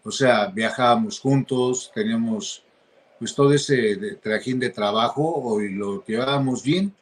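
A man answering interview questions in a hesitant, halting way, with many restarts. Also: mid-range voice. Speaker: interview guest.

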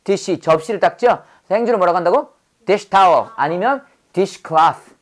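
Woman English teacher, lively classroom drill voice, has learners repeat after her. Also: fairly low pitch, moderate pace. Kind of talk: English vocabulary lesson.

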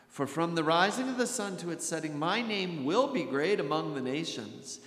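A middle-aged American Lutheran pastor preaches from the pulpit of a church sanctuary into a gooseneck microphone, his voice on the high side and animated. He is emphatic, using dramatic pauses and repetition and often dropping to a hush. The recording is echoey, with background hiss.

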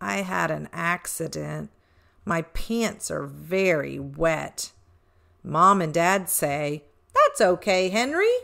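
A middle-aged woman hosts a children's show, reading aloud to toddlers in an expressive, deliberate, sing-song way. Her voice is deep, with vocal fry, and sounds pushed and bright.

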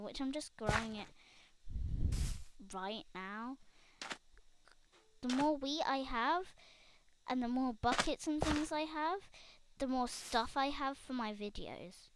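A young woman, chatting excitedly to viewers while she plays a game. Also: sits high. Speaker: gaming channel host. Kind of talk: casual gameplay commentary. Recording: loud background noise.

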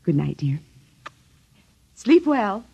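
An actress playing a gentle housewife and mother in 1950s radio acting, with a breathy voice. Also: mid-range voice, very animated, slow, full character voice. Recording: dull 1950s radio recording.

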